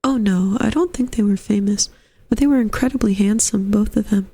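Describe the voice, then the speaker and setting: A woman's voice: mid-range voice, a little fast, dark tone, husky. A woman voicing a genteel, fussy landlady in a story, with a dainty, coaxing and doting manner. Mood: pleasantly musing. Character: genteel, fussy, sweetly insistent middle-aged landlady. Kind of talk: storybook character voice.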